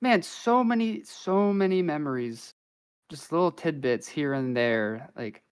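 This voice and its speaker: A man's voice: fairly high pitch, animated, a little slow, clean tone. A man guest on a podcast, telling long rambling stories in casual slangy chat, full of fillers.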